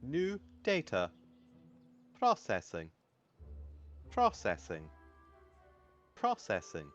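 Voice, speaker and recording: A man voicing a sassy male computer tablet that announces it is processing in a flat robotic way, with a dull lo-fi sound and faint music. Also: medium pitch, extremely slow, heavily acted. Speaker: game master.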